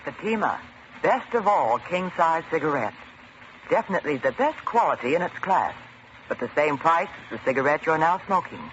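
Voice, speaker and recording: Male radio pitchman, 1950s ad read, slightly high voice, muffled faintly hissy sound. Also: animated, normal speed, a bit bright. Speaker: commercial announcer.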